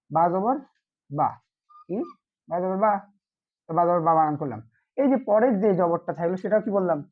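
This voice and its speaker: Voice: mid-range voice, dull audio. A Quran reading teacher giving an online lesson, asking short questions and answering them himself.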